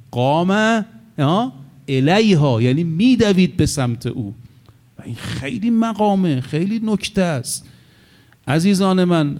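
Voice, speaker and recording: A middle-aged man preaching a sermon with emphasis, often repeating his key phrases. He slows down deliberately whenever he recites Arabic texts. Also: fairly high pitch, a little mellow. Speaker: cleric preacher.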